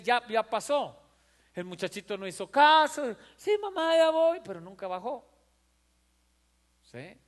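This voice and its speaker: A man's voice: very high-pitched, a bit bright. A man preaching a sermon as pastor, fervent and repetitive, acting out voices in his stories. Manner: fervent, repeats phrases for emphasis. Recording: long hall reverb.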